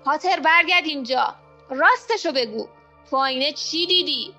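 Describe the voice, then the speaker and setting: A woman voicing an impatient, demanding male teacher who serves a dark lord in a storybook reading. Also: high voice, faint music behind. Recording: muffled lo-fi home recording.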